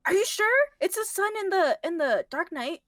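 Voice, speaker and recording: A woman's voice: extremely high pitch, expressive, brisk, a bit bright, no room sound, studio quality. A woman co-hosting a casual movie review chat, talking loosely, laughing often and trailing off mid-sentence. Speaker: co-host.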